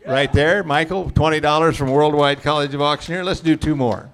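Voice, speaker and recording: A man hosting a class auction, calling out prize winners and joking with the crowd in a booming voice. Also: steady tone, a little fast, a bit bright. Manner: jokey, booming crowd address. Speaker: auction host. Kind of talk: live event emcee.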